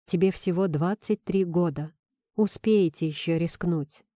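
A blunt, teasing young woman friend, read by a woman narrator in a warm, mellow tone, recorded dry and close. She talks sardonically and pointedly, pushing her friend with questions. She stays earnest and firm under the teasing. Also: lowish voice, measured pace, no echo, lightly acted.

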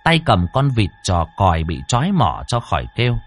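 A man narrating a ghost story audiobook in an expressive storytelling manner. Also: lowish voice, moderate pace. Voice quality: expressive, lively.

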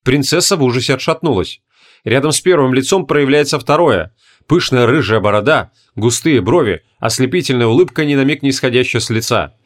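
A man reading a fantasy audiobook in measured, deliberate narration. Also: medium pitch. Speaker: audiobook reader. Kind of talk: scripted narration.

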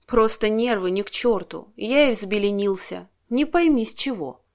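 A woman voicing a gentle, apologetic young man who talks slowly and quietly. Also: medium pitch, natural voice. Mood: soothing apologetic. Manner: slow, soft, quiet.

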